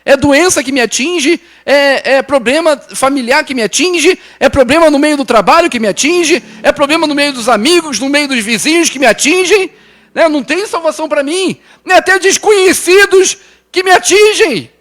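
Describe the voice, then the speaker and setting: A male pastor with a São Paulo Brazilian accent preaching a sermon. He restarts and repeats words, keeps asking the congregation "né?", and moves between urgent raised lines and soft low ones. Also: moderate pace. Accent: Brazilian Portuguese, São Paulo.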